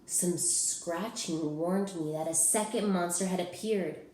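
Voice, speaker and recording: Woman storybook narrator: expressive delivery, slow pace, medium pitch, roomy echo. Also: a little hiss or hum. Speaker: teacher reading aloud. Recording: roomy, echoing sound.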